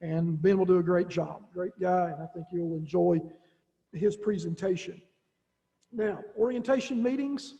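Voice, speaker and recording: A man's voice: high-pitched, a little slow, creaky, dark tone. A man, the director of schools, giving rambling, folksy remarks with many restarts at a school board meeting. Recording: dull lo-fi audio in a reverberant room.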